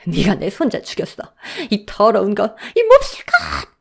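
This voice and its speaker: A woman's voice: fairly high pitch, sing-song, fairly quick, a little mellow. A woman voicing a harsh, spiteful older mother-in-law who scolds with contempt. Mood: raging.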